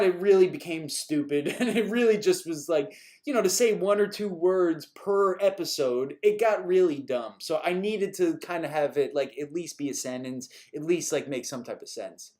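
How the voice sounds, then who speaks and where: With a voice that's a little high and a little mellow, a man from New York chats on a live stream. He rambles and chuckles through viewer questions and grows a bit exasperated when the same ones keep coming.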